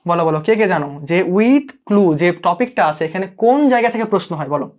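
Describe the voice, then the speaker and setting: Animated and fast-talking, a young man with a Bangladeshi Bengali accent teaches English live online, his voice sitting high and a little mellow. He keeps checking in with students and asking them to comment.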